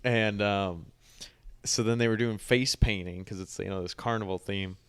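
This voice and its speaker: Low, smooth-voiced man telling a story. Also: fairly even intonation, moderate pace, fairly bright tone, dry recording. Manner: rambling storytelling with fillers. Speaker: podcast host. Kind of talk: casual podcast chat.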